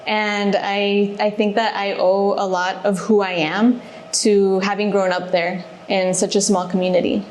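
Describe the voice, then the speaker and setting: A thoughtful woman, born in Mexico and raised in Alaska with Spanish as her first language, answers casual interview questions as a guest who works as a reservations manager. She pauses with fillers, in a mid-range, flat, slightly mellow voice. The room is echoey, with faint ambience and a little hiss or hum.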